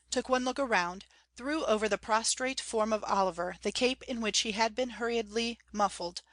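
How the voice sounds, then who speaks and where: A woman reads a classic novel aloud at an even pitch, measured and expressive. Her voice sounds close and dry, with no room around it. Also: no room sound. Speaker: audiobook reader.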